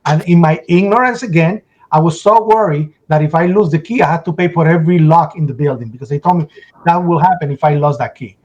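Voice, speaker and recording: A man giving emotional first-person testimony in an interview, telling his story urgently and acting out shouts and the words people said. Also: fairly high pitch, quick pace, muffled recording. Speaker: interview guest.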